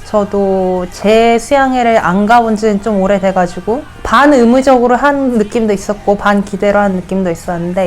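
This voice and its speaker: A nineteen-year-old woman answers interview questions. She talks candidly. Her thoughts tumble out in quick bursts. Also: medium pitch. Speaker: student interviewee.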